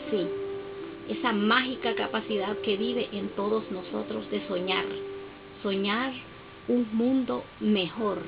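A woman poet from Honduras speaking slowly and solemnly from a podium on a festival stage, recorded on a camera out in the hall. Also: medium pitch, fairly even intonation, vocal fry. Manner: slow, solemn and declamatory. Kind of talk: poetry recital speech. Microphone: podium mic, camera far off in the hall. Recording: dull lo-fi camera audio with loud music.

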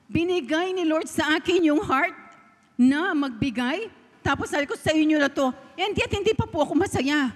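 A middle-aged woman from the Philippines with a Filipino accent, giving a heartfelt sermon testimony and slipping in English phrases. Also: high-pitched. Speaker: preacher. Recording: long reverb of a hall.

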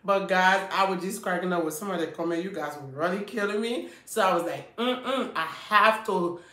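A woman from Liberia vlogs casually to the camera, chatty and emphatic, gesturing as she talks. Her voice sits lowish with a fairly bright tone at a moderate pace, recorded in a small indoor room that echoes.

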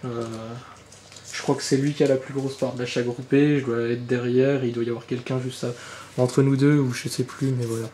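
A man talks his way through a casual card unboxing, chatty and loose, with a mellow, darker voice. He rambles with fillers and swears offhandedly. The room around him is roomy and echoey, with a faint hum of background ambience. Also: medium pitch, level tone, normal speed. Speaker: channel host opening trading card boxes. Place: indoor room with birds outside.

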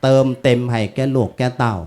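A man's voice: fast, warm tone. A man in his fifties, a monk with an Isan accent, giving a folksy, chatty funeral sermon laced with chanted Pali. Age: 50s.

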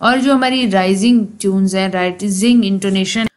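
A woman's voice: mid-range voice, moderate pace. A young woman, teaching a lesson and explaining step by step with spoken examples. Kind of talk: lecture.

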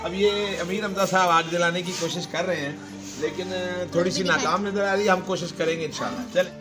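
A chatty cooking vlogger in his forties speaks directly to viewers while cooking on a wood fire outdoors in a village yard, giving a casual demonstration. His high-pitched voice has fairly even intonation and moves a little fast; a cameraman's handheld camera mic records it over background music.

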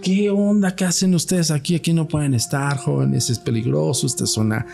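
A man voicing a stern but friendly male mounted policeman in a brisk, warning tone. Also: on the high side, fairly even intonation, gravelly, darkish tone, soft background music, voice pushed up.

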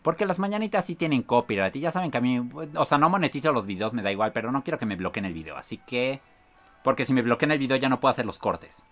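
Lively Mexican man streaming a game. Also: medium pitch, quick pace. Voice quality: bursts into shrieks and squeals of excitement, laughs often. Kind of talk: excited gameplay commentary, reading chat aloud.

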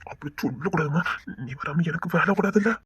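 In a village web series, a man with a Tirunelveli Tamil accent plays a flirtatious office boss who teases, wheedles and pleads. His voice is on the high side, fairly bright with a breathy edge, and he talks fast. The recording has no room sound and the highs are cut off.

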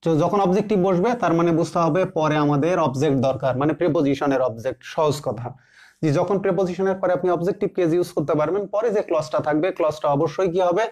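A man teaching English grammar, slowly repeating example sentences word by word and answering his own questions. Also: a little high, darkish tone. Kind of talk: classroom grammar lesson.

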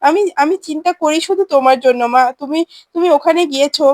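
A woman's voice: sits high, quick pace, darkish tone, no room sound, clean studio sound, close to an everyday voice. A woman voicing a loving, worried mother in a retold TV serial, speaking tenderly and anxiously. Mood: caring.

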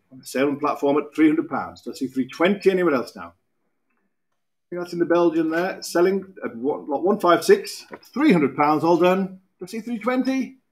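A British man in his thirties calls bids from an auction room podium. His delivery is brisk and repetitive, with quick asides between prices. His voice sits slightly higher than most men's. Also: animated. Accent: British English. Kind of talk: live auction calling.

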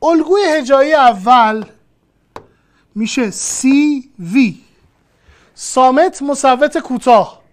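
A teacher with a high, expressive voice and long pauses leads a classroom lesson. The explanation is patient and step by step, with repetition and direct address to the student.

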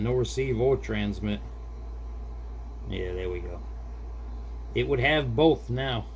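Speaking in a gravelly, medium-pitched voice, a middle-aged hobbyist repair host narrates a hands-on repair at a small indoor desk. His delivery is casual and unhurried, as if muttering to himself while working. There's faint background noise.

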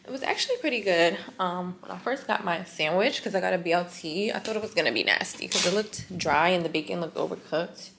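A young woman chatting through a hotel room tour with a handheld camera held out at arm's length, gushing and sometimes dropping to a near whisper. Her voice has a gravelly, fry-edged texture, and it bounces around a small tiled room. A faint hiss sits under it. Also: on the low side, fairly quick, hardly any pauses, a bit bright, roomy sound. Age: young adult. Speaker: vlogger.

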